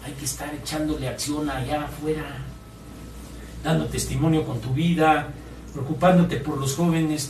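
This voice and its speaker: A man's voice: on the high side, a little mellow, a little hiss or hum. A man preaching a sermon as pastor, asking his congregation questions and mimicking complainers in a whiny voice. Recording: echoey room, distant mic, faint ambience.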